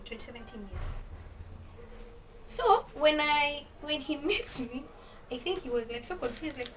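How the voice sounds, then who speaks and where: A young woman chatting in a casual storytelling vlog, mixing Swahili words into her English and laughing often. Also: fairly high pitch. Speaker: vlogger. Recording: distant mic with clear kitchen noise. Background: dishes and cutlery clinking.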